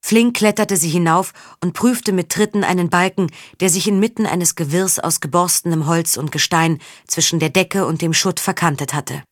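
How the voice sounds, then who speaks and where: A woman reading a historical novel aloud with steady, measured narration. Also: fairly low pitch, dry recording, clean studio sound. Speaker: audiobook narrator. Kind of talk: scripted narration.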